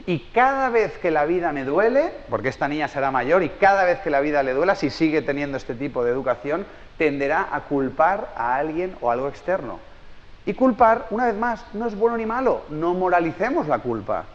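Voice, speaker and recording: A man with a Spain Spanish accent gives a live conference talk, full of slang and asides. His voice sits a bit high, and the sound is dull. A long hall reverb rings behind him. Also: brisk. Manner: colloquial, lively storytelling with asides. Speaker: speaker.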